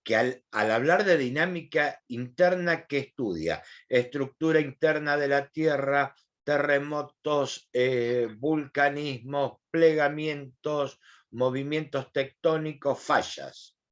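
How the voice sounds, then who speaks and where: A man's voice: a little high, slow, a bit bright, lo-fi sound. A man with an Argentine accent teaching an online class, asking questions and explaining in a colloquial way. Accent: Argentine Spanish.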